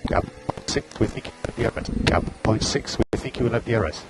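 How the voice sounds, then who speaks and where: A man's voice: fairly low pitch, expressive, brisk, heavy background noise. A man working as race engineer, giving terse, clipped pit radio calls over a team radio link, repeating gaps and status updates. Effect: team radio transmission.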